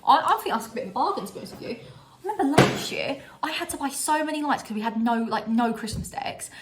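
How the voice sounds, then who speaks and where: Showing off holiday decor in a home haul vlog, a young woman chats away bubbly and fast, frequently laughing at herself, against a styled backdrop. Her high, expressive voice comes with heavy background noise.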